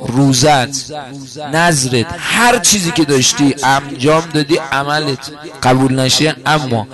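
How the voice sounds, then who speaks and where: A man preaching a mourning sermon to a gathering, explaining calmly and then rising into impassioned, wailing cries. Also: medium pitch. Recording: crowd audible behind.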